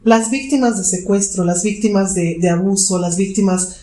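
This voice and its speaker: A woman's voice: medium pitch, normal speed, warm tone, echoey room. A woman psychologist, answering interview questions and explaining with vivid examples. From Bolivia. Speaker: guest psychologist.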